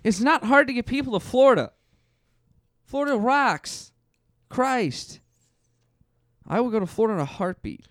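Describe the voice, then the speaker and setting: A man with a high voice and lively swings in pitch banters casually. He teases and swears, and the sound is dry. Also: normal speed, pauses often, dry recording. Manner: sweary, teasing.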